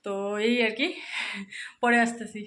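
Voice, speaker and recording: A woman's voice: on the high side, steady tone, unhurried. Chatty Bengali mother vlogging chores. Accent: Bengali, colloquial North Bengal. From North Bengal, India. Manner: chatty, talks to viewers directly; speaks softly at times so a sleeping child stays asleep. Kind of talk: casual narration of chores. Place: home kitchen and rooms, indoors.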